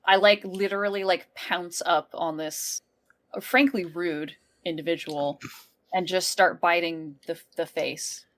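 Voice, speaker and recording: A woman with a slightly low voice plays a tabletop game. She talks casually and slowly, calling out moves. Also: fairly even intonation, a bit bright.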